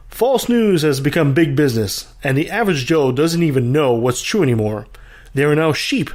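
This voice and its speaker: Lively Canadian podcast host, man. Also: fairly high pitch. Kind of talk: casual chat and scripted rant.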